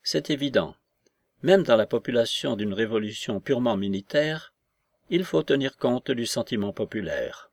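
A man voicing a guarded, suspicious young man who speaks in a measured, deliberate way in a read-aloud novel. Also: medium pitch, animated, dry recording, studio quality.

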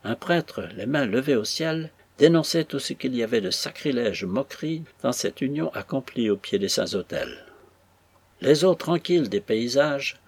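A man reading a classic novel aloud with measured, expressive narration. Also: mid-range voice, slightly rough. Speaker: audiobook narrator. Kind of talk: literary audiobook reading.

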